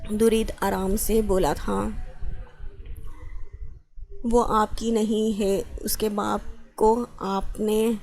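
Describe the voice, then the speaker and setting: Brief: female narrator of a romance novel, level delivery, low gravelly fry. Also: level tone, pauses often, darkish tone. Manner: reads dialogue of both characters with little change of voice. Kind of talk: novel reading.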